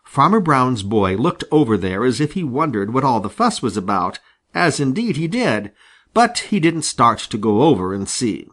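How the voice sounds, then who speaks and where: A man reading a children's animal story aloud with an expressive, lively delivery. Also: medium pitch, normal speed. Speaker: audiobook reader. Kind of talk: storybook narration.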